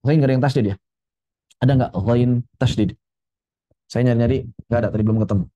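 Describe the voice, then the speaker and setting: A man teaching Quran recitation with a mellow, warm tone at a mid pitch. He explains pronunciation rules casually, then demonstrates each Arabic sound slowly and repeats it several times. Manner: relaxed, chatty asides. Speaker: tajwid teacher.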